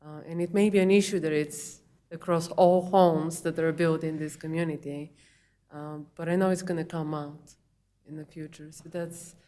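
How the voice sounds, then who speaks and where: Low, even-toned Bulgarian-accented woman. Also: moderate pace. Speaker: applicant, homeowner. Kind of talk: informal public testimony. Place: public meeting room.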